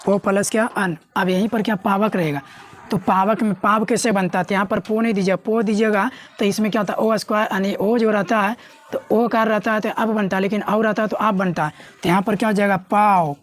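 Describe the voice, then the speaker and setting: A woman's voice: medium pitch, fairly even intonation, a little fast. A woman teaching a grammar lesson, often asking herself questions and answering them. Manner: asks and answers her own questions. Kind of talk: classroom lesson explaining at a board.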